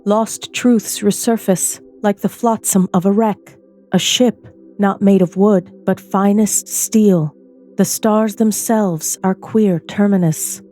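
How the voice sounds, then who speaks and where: Slow, mellow woman narrating verse. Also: medium pitch, steady tone, faint music behind. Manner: measured, poetic first-person telling.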